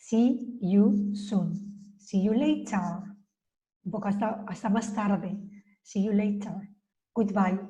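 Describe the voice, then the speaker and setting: A woman whose first language is Spanish, giving a casual language lesson and slowly repeating English phrases to show how they are pronounced. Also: medium pitch, fairly even intonation, mellow, poor audio. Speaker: language teacher.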